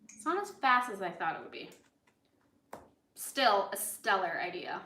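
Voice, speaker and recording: This woman has a medium-pitched voice that's very animated yet unhurried, with a sharp tone. An American chef who grew up in Los Angeles, she hosts a cooking livestream and chats casually, wandering into asides as she works. Her room echoes noticeably.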